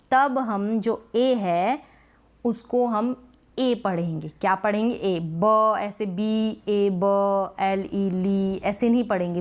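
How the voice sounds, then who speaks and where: A woman's voice: mid-range voice, a little mellow. A woman teaching beginners to read English, patiently repeating each point and asking herself rhetorical questions. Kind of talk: explaining phonics lesson in Hindi.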